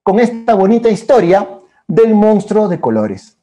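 A man telling a story to children in a bouncy, animated way. He acts out each emotion with sighs and exclamations. His voice has a mellow, warm tone. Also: high-pitched, unhurried. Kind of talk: lively storytelling for kids.

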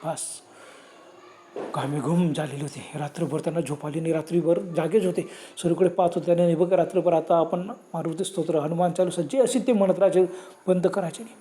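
A man's voice: on the high side, fairly even intonation, brisk, dark tone. A man with a Marathi accent, telling a horror story in an emphatic, dramatic way, breaking off with fearful gasps. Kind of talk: spoken horror story narration.

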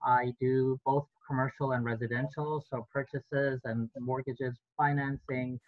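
A man's voice: medium pitch, little pitch movement, dry recording. Middle-aged man lawyer on a tinny call. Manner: explanatory, measured, frequent fillers. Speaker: real estate lawyer. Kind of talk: panel discussion on a video call. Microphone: video call. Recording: dry, tinny phone-like line.

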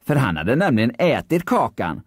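Expressive male storybook narrator. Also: mid-range voice, breathy edge, no room sound, studio quality. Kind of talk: scripted children's story narration.

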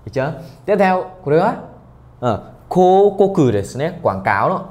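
A man's voice: on the high side, very animated, normal speed, a little mellow, dull audio. A young man teaching a Japanese exam-prep lesson online. He keeps checking in with his students and mixes Japanese phrases into his talk.

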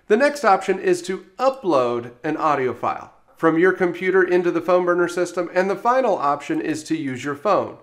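A male software trainer with a slightly higher register narrates an instructional screencast. He explains things step by step.

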